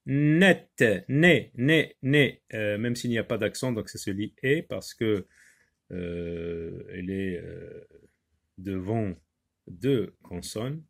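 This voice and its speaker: A male teacher giving a classroom reading lesson, sounding out syllables slowly and repeating words with emphasis. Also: deep voice, vocal fry, a little mellow, breathy edge.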